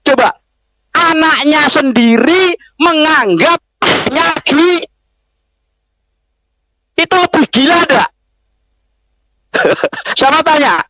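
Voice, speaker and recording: A man preaches to Islamic boarding school students, telling a story and repeatedly firing rhetorical questions at the crowd. His voice is very high-pitched, pushed and bright, in a rough recording.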